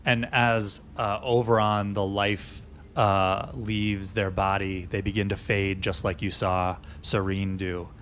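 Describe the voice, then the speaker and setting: A man narrating as dungeon master in a loose, halting way with many fillers. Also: fairly low pitch, flat delivery, a bit bright, slight background noise. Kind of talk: narrating a tabletop game.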